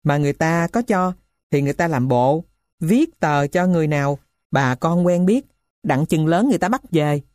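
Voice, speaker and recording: A woman's voice: deep voice, expressive, normal speed, darkish tone, no room sound, clean studio sound. A woman voicing the thief's poor wife, who questions and scolds him. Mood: scolding.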